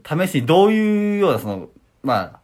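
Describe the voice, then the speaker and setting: A man's voice: high voice, big pitch swings, moderate pace, darkish tone. A man who is a junior comedian answers his senior's coaching with polite, earnest short replies and flustered denials. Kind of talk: comedic banter on a radio-style show.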